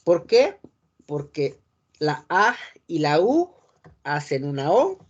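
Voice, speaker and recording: A man with a Mexican accent teaching a class, often checking that students follow and filling pauses with "este". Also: fairly high pitch, big pitch swings, muffled recording. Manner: keeps checking the class follows, asking "sale?"; frequent filler "este" and restarts. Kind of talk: classroom lecture. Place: classroom with a board.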